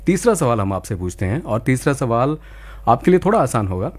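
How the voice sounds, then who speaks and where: A man's voice: medium pitch, sing-song, a little fast. Polite, encouraging male radio quiz host. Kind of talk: live phone-in quiz presenting in Hindi with some English.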